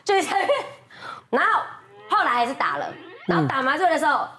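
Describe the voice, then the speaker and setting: A middle-aged woman on a TV studio panel, telling a story at a brisk clip. Her voice sits high and swings widely as she acts out the voices she quotes. She laughs often. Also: very animated, pushed and bright, a little hiss or hum. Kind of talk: casual studio chat, lively storytelling.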